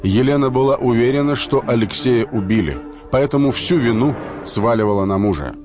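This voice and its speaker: A man's voice: medium pitch, animated, a little fast. A man delivers scripted crime story narration in a mid-range voice. Faint music sits behind him.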